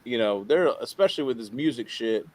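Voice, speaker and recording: A man talking casually as a podcast guest, halting and rambling as he repeats himself, with informal swearing. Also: mid-range voice, animated, dry recording. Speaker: podcast guest, radio show co-host. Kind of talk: casual interview talk.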